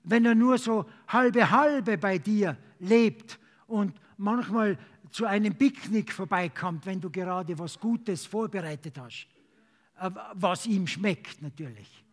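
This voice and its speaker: A man preaching and praying as in a sermon, urging emphatically with repeated phrases and halting at times to search for words. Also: high voice. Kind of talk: sermon with altar call and prayer.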